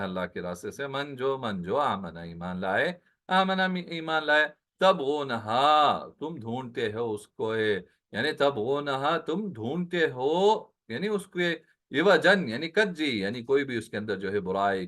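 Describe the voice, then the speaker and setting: A man's voice: fairly high pitch, fairly bright tone. Man teaching a Quran translation lesson. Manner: explains word by word, mixing in English phrases; rhetorical questions to listeners.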